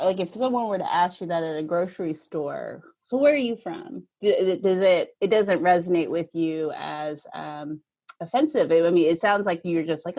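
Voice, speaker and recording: A woman host from Northern Kentucky, chatty and quick to laugh, asking long, winding questions in a podcast interview. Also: on the low side. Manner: warm, chatty, laughs easily, asks long rambling questions.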